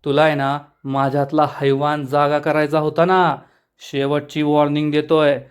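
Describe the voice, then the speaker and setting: A man voicing a threatening middle-aged village man who gives slow, menacing warnings. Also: fairly high pitch, little pitch movement, clear, resonant tone, natural voice.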